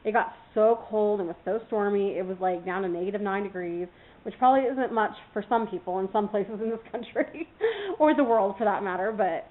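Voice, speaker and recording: A woman's voice: mid-range voice, brisk. Chatty woman from California, tinny sound. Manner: rambling, many fillers, talks to her puppy. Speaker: vlogger. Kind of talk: casual chat.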